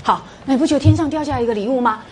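A woman's voice: high voice, racing, slight background noise. A middle-aged woman giving a classroom lecture, quizzing her students with rhetorical questions and tag particles. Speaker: university lecturer.

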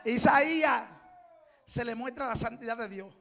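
Pastor guy preaching, super high voice, gets loud and fired up, repeats himself a lot. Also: a little slow. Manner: impassioned preaching, shouting and repeating phrases. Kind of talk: sermon.

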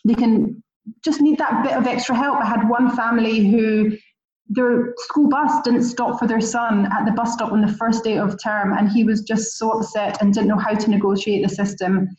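This Scottish woman, a relocation concierge, tells chatty, enthusiastic stories as a podcast interview guest. She speaks at normal speed in a slightly high, darkish voice with fairly even intonation, captured in a roomy, distant, muffled recording.

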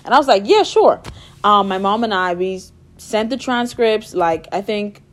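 With an expressive, medium-pitched voice at a moderate pace, a young woman from the Bahamas chats as a guest in a casual interview. The music therapy student is bubbly, laughing a lot and leaning on fillers.

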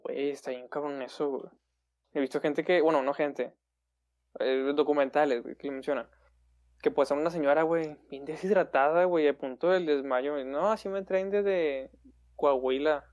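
Slangy man, a touch high. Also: steady tone, fairly quick, darkish tone. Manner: slangy, says "güey" constantly, joking with viewers. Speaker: livestream host. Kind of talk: casual chat.

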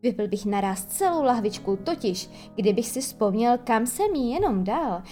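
A woman's voice: on the high side, big pitch swings, mellow, faint music behind. A woman voicing a pompous, sulky, self-pitying father in a children's audiobook. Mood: blustering. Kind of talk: audiobook character voice.

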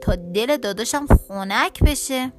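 A woman doing a quick, sly little mouse. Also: a little high, lively intonation, music in the background, close to an everyday voice. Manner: quick, shouting, playful tricks. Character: clever cheeky male mouse. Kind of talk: children's storybook reading.

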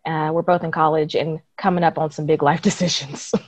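A woman's voice: deep voice, little pitch movement, fairly quick. A woman in her early twenties speaking candidly and reflectively as a panel guest. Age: 20s. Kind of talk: casual discussion.

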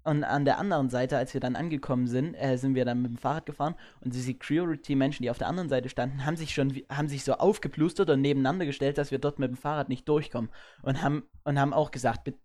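A young man chatting on a live stream, spinning anecdotes with easy laughter. His voice sits at a middle pitch and has an everyday sound. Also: fairly even intonation, fast, a little mellow. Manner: storytelling, laughing through anecdotes. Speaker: stream co-host. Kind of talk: casual chat.

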